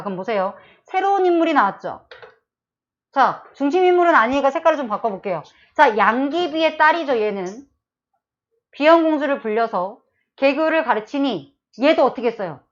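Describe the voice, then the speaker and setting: A woman with a fairly high voice leads an exam-prep literature lecture. She walks through the story step by step and keeps asking whether the class is following. The audio is dull and lo-fi. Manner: explains step by step, with frequent checking questions. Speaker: Korean literature teacher.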